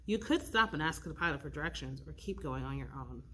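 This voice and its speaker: A woman's voice: sits low, a little fast, slight background noise. Woman reading a storybook aloud. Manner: expressive, with slips and restarts, rolling dice for choices. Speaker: youth librarian reading aloud.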